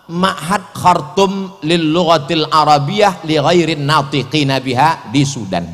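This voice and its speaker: Middle-aged male preacher from Indonesia, high, lively, joking sermon delivery, lots of reverb. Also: measured pace. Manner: animated, joking, rhetorical questions. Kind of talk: humorous sermon lecture. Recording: long hall reverb.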